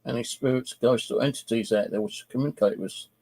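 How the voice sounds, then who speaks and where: A ghost-hunting channel host talks casually during a paranormal investigation, commenting and calling out questions to spirits. His medium-pitched voice is quick, creaky, and mellow.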